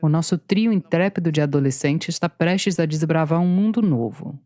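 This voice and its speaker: Narrating a scripted documentary podcast interspersed with interview clips, a woman with a Brazilian Portuguese accent tells her story in a dry, playful way. Her low-pitched voice is warm, at normal speed, in a dry recording.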